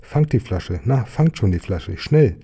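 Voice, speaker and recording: A man's voice: lowish voice, normal speed, mellow, slightly rough. A man voicing a teasing, urgent male talking fish in a children's storybook reading.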